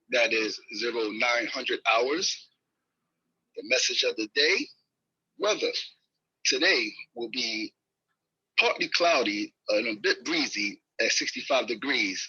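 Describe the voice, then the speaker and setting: A man's voice: mid-range voice, pushed and bright, husky. A man acting as net control on a two-way radio, speaking in formal radio procedure and spelling letters phonetically. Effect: heard over a two-way radio link. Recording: lo-fi radio audio.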